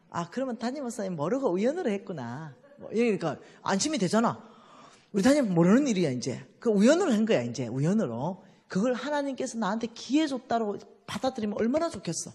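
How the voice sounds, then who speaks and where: Female preacher, Gyeongsang accent, husky, very lively pitch, acts out her story. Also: in a large hall. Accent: Gyeongsang Korean. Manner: animated storytelling, acting out dialogue. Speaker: church finance speaker. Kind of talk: lively testimony sermon.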